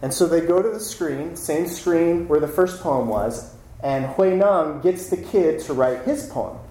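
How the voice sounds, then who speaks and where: A man telling a story in a casual, animated, playful way, acting out the characters as he goes. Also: on the high side, measured pace, echoey room, poor audio. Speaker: storyteller, teacher.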